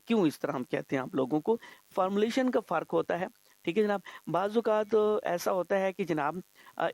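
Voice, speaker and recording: A man hosting a radio show in a relaxed, chatty way, pitching products and often tacking on a reassuring 'all right, sir'. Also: no echo. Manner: chatty, keeps adding 'theek hai janaab'. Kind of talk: casual radio talk with product promotion.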